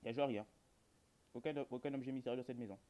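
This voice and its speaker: A man's voice: mid-range voice, fairly even intonation, fast talker, warm tone. A man giving casual horror game commentary, rambling to his viewers in colloquial speech with dry jokes. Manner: rambling, addresses viewers, colloquial, dryly joking. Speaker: gamer, video host.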